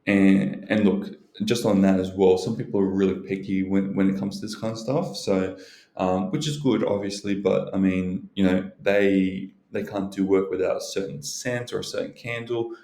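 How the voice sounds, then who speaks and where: A man with a deep, mellow voice talks through advice in a casual, unscripted way. His delivery stays very even and rambles, with many hedges and filler phrases. The sound is roomy and echoing, as an indoor video host might record it. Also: moderate pace. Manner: rambling, hedging, leans on "you know" and "look". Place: indoors, in a library.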